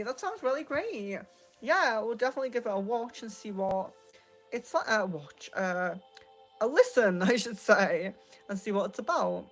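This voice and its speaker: A woman hosting a casual live card reading, speaking in a gently reassuring, meandering and hesitant way. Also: on the high side, low-quality recording. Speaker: tarot and oracle card reader, live host.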